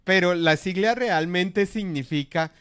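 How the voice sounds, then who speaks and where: A man's voice: sits high, measured pace, smooth. A man with a Colombian accent, a comedy radio host telling stories and acting out everyone in them. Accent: Colombian Spanish. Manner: animated, acts out the people in his stories. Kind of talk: comic storytelling. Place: radio studio.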